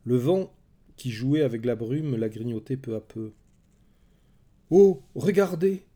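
Dark-voiced male storyteller. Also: medium pitch. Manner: measured, dramatic storytelling. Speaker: narrator. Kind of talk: scripted storybook narration.

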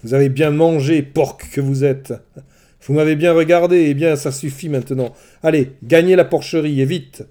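A man's voice: a little high, fairly even intonation, moderate pace, pitched above the performer's own voice, natural voice. A man voicing a cruel enchantress who speaks in a hard, cutting voice, ordering people about, in a storybook reading. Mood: harsh, scornful. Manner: harsh, commanding, shouting.

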